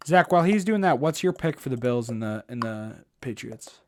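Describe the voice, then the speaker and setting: A man's voice: medium pitch, lively intonation, moderate pace, darkish tone. A man hosting a casual sports podcast, joking with his co-hosts as he leads the segment. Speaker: podcast host.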